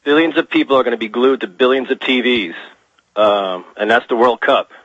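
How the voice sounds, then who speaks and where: A man's voice: medium pitch, fairly quick, fairly bright tone, breathy edge, no room sound. A man phoning into a talk radio show, speculating casually and tentatively over a lo-fi call-in line.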